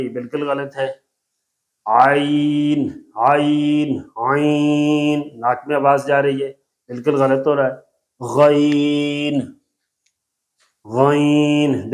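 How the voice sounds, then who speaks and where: A man with a Pakistani Urdu accent teaching Quran recitation, drawing out single letters slowly and explaining patiently. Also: fairly high pitch. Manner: slow drawn-out letter demonstrations, patient explaining. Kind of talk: explanatory tajweed lesson.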